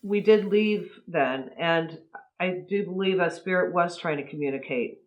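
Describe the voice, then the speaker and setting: A woman's voice: lowish voice, normal speed, dull audio. A woman paranormal investigator giving candid, self-deprecating interview commentary. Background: music.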